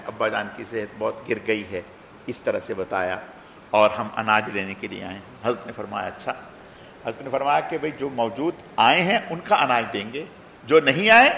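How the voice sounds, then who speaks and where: A man's voice: fairly low pitch, creaky, bright, forceful tone, a little hiss or hum. A male religious teacher retells a scripture story in a Taraweeh lesson, reciting Arabic verses and explaining them. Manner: acts out characters' speech within the story. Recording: roomy reverberant sound with faint ambience.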